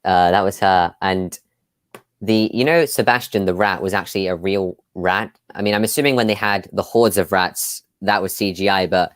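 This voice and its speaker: Low-voiced man hosting a casual live chat. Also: fairly even intonation, normal speed, no room sound. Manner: chatty, many fillers, laughs often. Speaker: host. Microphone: video call.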